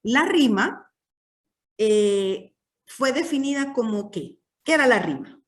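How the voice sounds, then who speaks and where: A woman's voice: on the high side, expressive, takes it slowly, recorded from a distance. A woman teaching a literature class, explaining patiently and checking in with her students often.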